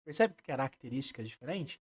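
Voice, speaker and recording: Animated Brazilian man who sings examples. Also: mid-range voice, fast. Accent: Brazilian Portuguese. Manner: animated, demonstrates by singing snippets. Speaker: music therapist guest. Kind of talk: explanatory interview talk.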